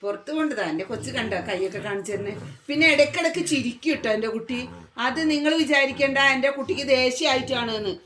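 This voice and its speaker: A woman's voice: high voice, quick pace, a bit bright. A woman vlogger talking to her pet in coaxing, doting, sing-song baby talk.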